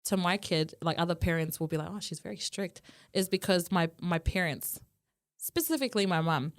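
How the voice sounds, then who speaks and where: A woman's voice: lowish voice, fairly quick. A woman in her thirties co-hosting a podcast in casual chat, telling family stories with lots of laughter and acted-out voices. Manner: animated, laughing storyteller who acts out family voices. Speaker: podcast co-host.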